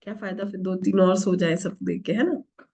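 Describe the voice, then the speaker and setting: A woman's voice: mid-range voice, moderate pace, darkish tone. A middle-aged woman teaching an online tarot workshop, asking the class questions and answering them herself, with English words mixed into her Hindi. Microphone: video call.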